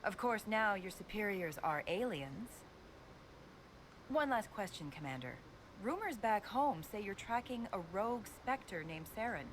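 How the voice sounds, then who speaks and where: A woman's voice: mid-range voice, expressive, measured pace, a little hiss or hum, natural voice, rough recording. An actress playing a pushy female news reporter who asks probing, needling questions in a polished way.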